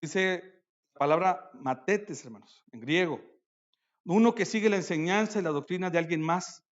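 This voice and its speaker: A man preaching a sermon at a church conference, calling out to his listeners as brothers and swinging between loud declarations and quiet asides. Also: fairly high pitch, muffled recording.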